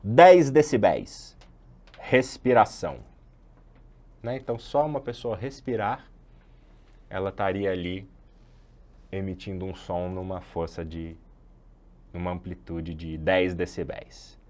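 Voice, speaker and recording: Brazilian male instructor, lowish voice, chatty online lecture, loose explanations with self-corrections. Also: a little slow, pauses often, a little mellow. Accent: Brazilian Portuguese. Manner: chatty and explanatory, corrects himself mid-sentence. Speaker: sound design instructor.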